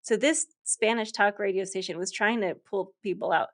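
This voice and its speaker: This English-speaking woman in her thirties hosts a podcast and here is the interviewee, talking in a chatty way full of fillers and regular laughs. Her mid-range voice is a bit bright and moves at normal speed.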